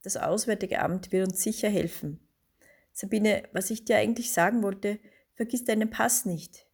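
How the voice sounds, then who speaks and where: A woman voicing a calm, supportive man who speaks firmly and soothingly. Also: mid-range voice, normal speed, slightly rough.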